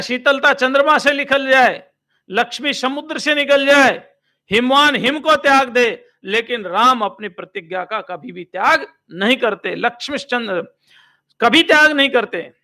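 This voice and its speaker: A swami giving a slow, measured religious discourse, chanting Sanskrit verses and explaining each one. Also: male voice, very high-pitched, sharp tone.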